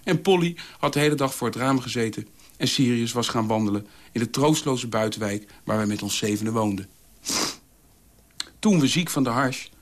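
A man narrating a story on the radio in a wry, weary manner. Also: medium pitch. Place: radio studio.

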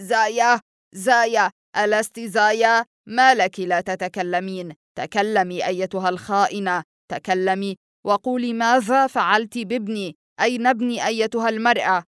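A woman voicing a middle-aged mother who loudly accuses another woman of taking her son, in an audiobook reading. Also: medium pitch, moderate pace, smooth, no echo, clean studio sound, lightly acted. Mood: angry, accusing. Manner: loud, accusing, urgent.

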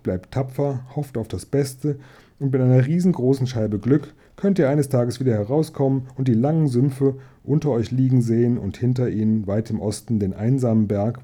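A man reading aloud, voicing an old male wizard who gives measured, admonishing advice. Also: mid-range voice, mellow, lightly acted.

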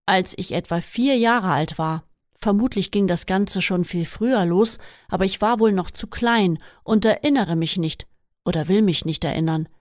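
A woman reading a first-person memoir aloud in a steady, measured way. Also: mid-range voice, dry recording, studio quality. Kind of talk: scripted first-person narration.

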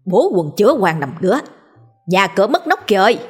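A woman voicing a foul-mouthed village wife who hurls rapid, shrill curses at a neighbour. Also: sing-song, breathy edge, soft background music. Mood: ranting. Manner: shrill rapid cursing tirade.

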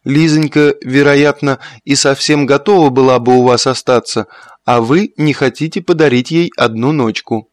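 A stern, reproachful lady of the house lectures in a slow, deliberate way, as a man reads her in an audiobook. The recording is dry and close. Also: medium pitch, no echo, lightly acted. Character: reproachful middle-aged mother, a lady of the house.

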